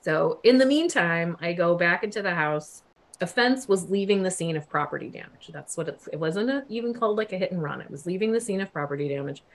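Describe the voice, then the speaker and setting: A woman in her forties, a guest telling a story in casual chat, animated, laughing often and swearing freely. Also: on the low side, a little fast.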